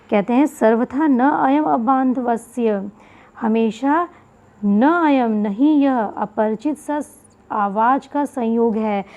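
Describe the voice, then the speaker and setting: A woman teacher explaining a Sanskrit textbook lesson, going word by word and repeating key terms. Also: fairly high pitch. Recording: tinny phone-like audio.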